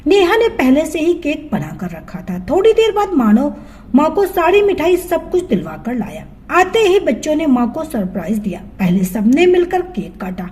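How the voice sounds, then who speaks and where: A woman telling a family story as scripted narration, in an expressive storytelling manner. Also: high-pitched, normal speed.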